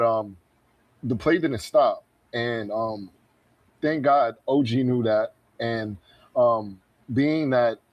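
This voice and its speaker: A man's voice: mid-range voice, no room sound, muffled recording. Guy co-hosting a sports chat, rambling and hyped, dry close mic, mid voice. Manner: animated, laughs often, many fillers. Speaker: podcast co-host. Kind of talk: excited casual sports chat.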